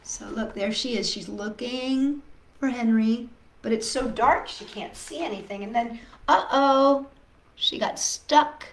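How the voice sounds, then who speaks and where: A woman acting as a storytime host reads a picture book expressively, adding sympathetic, coaxing asides spoken directly to young viewers. Her voice is a little high and her pace measured. The room echoes, with faint background noise.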